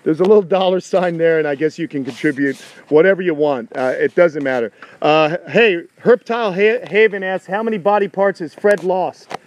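A man's voice: sits high, normal speed. A man in his thirties talking like an enthusiastic wildlife show host, exclaiming and chatting to live-stream viewers outdoors on a phone. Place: outdoors in a fenced animal yard. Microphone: phone at arm's length.

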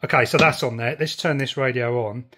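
A middle-aged man with a southern English accent chats informally in a radio hobby vlog, mixing casual talk with radio calls at his house and back garden. His medium-pitched voice is brisk and sharp.

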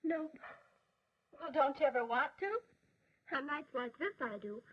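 A young woman with an American accent playing a friendly, eager high school girl in a 1940s instructional film. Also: unhurried. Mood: confiding. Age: young adult. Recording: dull, lo-fi 1940s film soundtrack.

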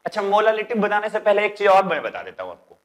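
A male chemistry teacher with a Bihari Hindi accent gives a classroom lecture. He keeps asking his students rhetorical questions and drags out the English terms slowly. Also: sits high, big pitch swings. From India.

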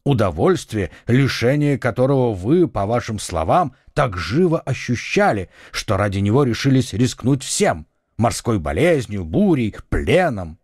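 A man voicing a mocking aristocratic lord in an audiobook, slow and sarcastic. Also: mid-range voice, big pitch swings, a little mellow, breathy edge, no room sound, clean studio sound. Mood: sardonic. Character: mocking aristocratic lord, middle-aged, sardonic. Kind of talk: audiobook character reading.

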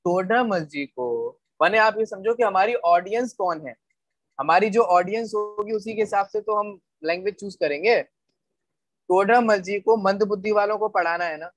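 A man's voice: high voice, moderate pace, no room sound. A man teaching scripture in a patient, explanatory lecture, often asking listeners rhetorical questions and repeating points for emphasis. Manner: rhetorical questions to listeners, checks they follow.

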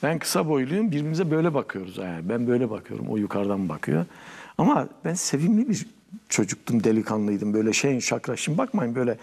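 A man's voice: mid-range voice, fast, creaky. Older guy spinning a story, voice jumping all over, echoey studio. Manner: animated storyteller acting out dialogue. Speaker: guest, poet and writer. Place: television studio.

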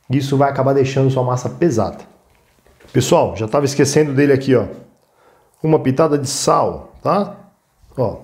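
A cooking show host speaks at a medium pitch, his tone a bit mellow and his accent Brazilian Portuguese. His step-by-step demonstration is casual and instructive, dotted with little check-in tags along the way.

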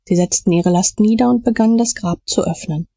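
A woman reading an audiobook as narrator in calm, measured storytelling. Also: medium pitch, no echo. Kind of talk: scripted narration.

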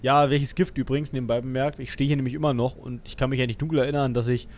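A man's voice: mid-range voice, flat delivery, very fast, a little mellow, a little hiss or hum. A man doing casual commentary on a let's play stream, grumbling and mocking, swearing at his companion.

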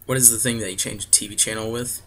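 Casting: young American man, deep but forceful voice, hesitant casual vlogger delivery. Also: steady tone, quick pace. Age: 20s. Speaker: vlogger answering a questionnaire. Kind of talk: casual chat with word-list and book reading. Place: small home room, indoors. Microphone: webcam or laptop mic at arm's length.

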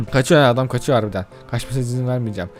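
A man doing excitable let's-play commentary, chatting straight to his viewers and cursing casually at the game. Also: medium pitch, very fast, faint music behind. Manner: addresses viewers directly. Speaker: gaming YouTuber.

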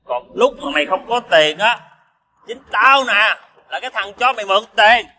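An actor playing a hot-tempered, drunk male ex-convict, shouting indignantly in a TV crime drama. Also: on the high side, lively intonation, fast, slight background noise. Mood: drunk bitter.

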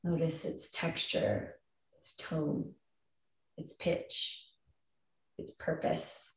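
A woman in her thirties leads a calm grounding meditation, giving soothing instructions with long pauses between phrases. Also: low voice, gravelly. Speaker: meditation guide. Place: indoor room with wooden floor and plank wall. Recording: roomy echo, distant microphone.

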